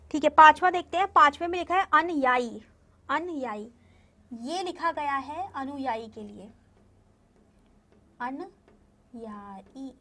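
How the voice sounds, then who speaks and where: High-voiced woman teaching young children. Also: fairly bright tone. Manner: patient, repeats words slowly and spells them out. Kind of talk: online class lesson.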